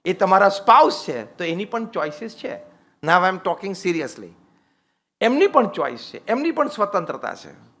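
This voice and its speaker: A man, a swami, giving a humorous religious discourse on married life, lively and teasing, slipping English phrases into his talk. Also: high-pitched, unhurried.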